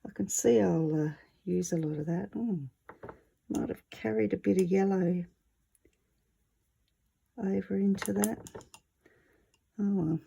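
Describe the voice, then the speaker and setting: A woman's voice: mid-range voice, steady tone, measured pace, creaky, long pauses, dark tone, a little hiss or hum, poor audio. A woman with a wheezy voice, short of breath, chatting casually and easygoing as she presents a hands-on art tutorial. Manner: chatty, easygoing, self-deprecating.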